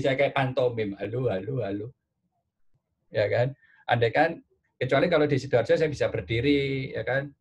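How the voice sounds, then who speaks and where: A man gives an animated online webinar talk from home over a video call, tagging his sentences with "ya". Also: medium pitch. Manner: animated, many filler "ya" tags. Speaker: webinar speaker and trainer. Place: at home, bed behind him.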